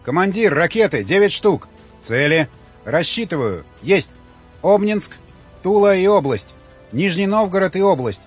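A man voicing male military console operators who report in loud clipped bursts. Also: high-pitched, sing-song, unhurried, husky, voice pushed up, exaggerated voice. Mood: urgent. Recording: slightly dull audiobook audio, faint music.

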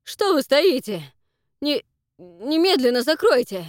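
A man's voice: very high voice, very animated, takes it slowly, dry recording, studio quality, pitched above the performer's own voice, exaggerated voice. A woman reading an audiobook, voicing a frightened, paranoid middle-aged father who talks in frantic, pleading outbursts. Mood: panicked shouting. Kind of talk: audiobook character voice.

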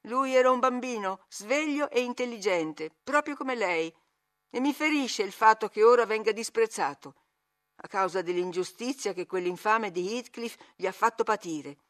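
A woman's voice: on the high side, animated, moderate pace, a bit bright. A housekeeper reproves a young lady with firm, earnest care, as a woman narrator puts her on. It is part of an audiobook reading. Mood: reproving.

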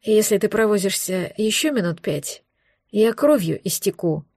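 A woman's voice: medium pitch, expressive, normal speed, gravelly, a little mellow, dry recording. A woman voicing a wounded male dragon in human form who grumbles with dry, mocking irony, in an audiobook. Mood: grumpy, mocking. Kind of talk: audiobook dialogue.

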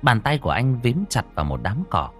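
A man narrating a dramatic story in an expressive storytelling manner. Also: mid-range voice, fairly quick, soft background music. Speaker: audiobook narrator.

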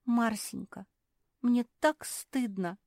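A woman's voice: fairly high pitch, measured pace, no echo, studio quality, voice pushed up, lightly acted. A woman voicing a remorseful young female labrador bride who begs forgiveness through tears. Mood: pleading. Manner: pleading, sobbing apologies.

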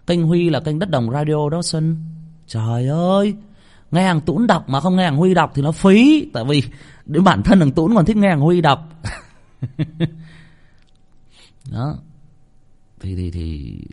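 A man's voice: mid-range voice, dark tone, breathy edge. A man hosting a horror story channel, chatting casually and teasing his listeners in a joking way. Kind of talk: casual outro chat to listeners.

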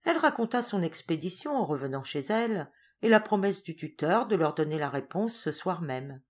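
A woman narrating an audiobook of a classic novel in a measured, expressive way. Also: lowish voice, slightly rough. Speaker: audiobook reader. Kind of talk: scripted narration.

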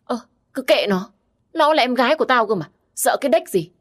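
A woman's voice: a little high, expressive, fairly quick, pitched above the performer's own voice. A woman voicing a drunk, abusive older brother who talks in a slurred drawl. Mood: drunk bragging.

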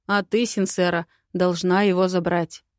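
A calm dragon prince from a fantasy storybook, steady and earnest as he reasons, read by a woman in her own voice. The recording is close and dry, with no room around it. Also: lowish voice, a little slow, no room sound, natural voice.

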